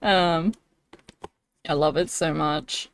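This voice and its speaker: A woman's voice: sits low, fairly even intonation, takes it slowly. A young woman streaming live, chatting casually and giggling often, with lots of fillers. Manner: bubbly and giggly, many fillers.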